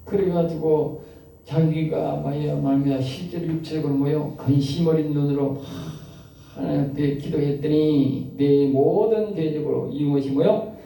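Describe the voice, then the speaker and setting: A man preaching a lecture with a gravelly, darkly mellow voice, pushing his points with repetition and short questions to the room. He sounds set back from the microphone, with heavy echo around him in a large room. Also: fairly even intonation, moderate pace, far from the mic. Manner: emphatic, repeats phrases and asks listeners 응? 알겠어요?; dramatic swings of pitch and loudness. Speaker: pastor lecturing. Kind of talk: sermon-style lecture. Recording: roomy echo, voice off-mic.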